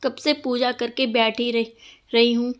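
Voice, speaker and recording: A woman's voice: on the high side, fairly even intonation, takes it slowly. A woman playing a scolding old mother-in-law. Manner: nagging, shouting complaints.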